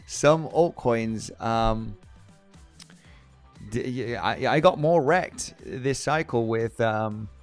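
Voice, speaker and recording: Guy hosting a trading stream, rambles and restarts a lot, smooth resonant voice. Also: medium pitch, extremely slow, pauses often, soft background music. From Spain. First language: Spanish. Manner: rambling, frequent restarts, reads viewer comments aloud. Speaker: trading livestream host. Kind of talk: casual livestream chat.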